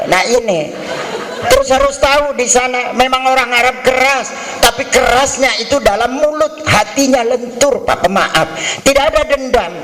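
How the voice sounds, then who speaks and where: A middle-aged hajj instructor gives pilgrims a humorous, lively lecture, acting out quarrels and bargaining in mock voices. His voice is very high-pitched and unhurried, and the recording is rough.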